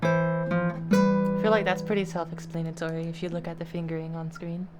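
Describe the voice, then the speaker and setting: Low-voiced woman teaching guitar casually. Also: normal speed. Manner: relaxed, self-deprecating, trailing off with fillers. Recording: guitar playing loudly behind. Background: acoustic guitar.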